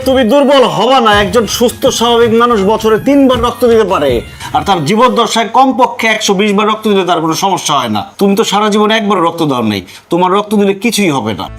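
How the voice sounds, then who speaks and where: An earnest, lecturing good husband, high voice, fast delivery, music behind. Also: male voice, animated. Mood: coaxing. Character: kind-hearted young husband, earnest persuader. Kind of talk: TV drama acting.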